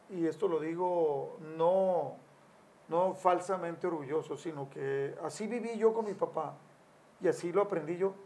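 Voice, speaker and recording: Gravelly older man telling family stories. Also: sits high, darkish tone. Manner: storytelling, acts out quotes with raised voice. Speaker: family counselor guest.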